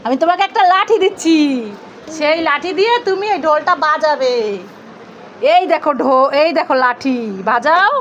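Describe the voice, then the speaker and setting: A woman's voice: high voice, moderate pace, a bit bright, dull audio, a little hiss or hum. A woman filming her children for a family vlog, teasing them and talking to viewers as friends. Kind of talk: playful family vlog talk.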